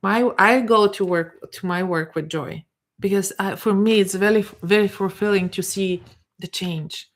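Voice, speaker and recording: A middle-aged woman with a lowish voice and a Bulgarian accent coaches live, speaking in an unscripted, halting manner. She frequently restarts and repeats words as she searches for them.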